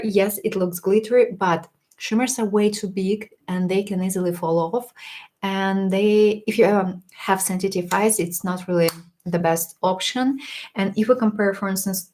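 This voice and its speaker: A woman's voice: medium pitch, a little mellow, a little hiss or hum. Chatty woman reviewing makeup, voice a bit worn. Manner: chatty and frank, with small laughs and restarts. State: slightly losing her voice. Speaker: makeup livestream host. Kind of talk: casual product review on a livestream.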